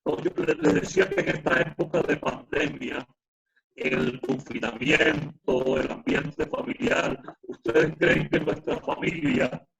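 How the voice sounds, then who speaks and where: A man moderating a video panel, his voice coming through choppy call audio on a laptop speaker, halting and repeating himself as the line breaks up. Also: a little high, huge pitch swings, vocal fry, a bit bright, slightly rough, muffled recording. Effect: choppy video-call audio, heard through a laptop speaker. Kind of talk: asking panel questions over a video call. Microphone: phone or computer on a video call.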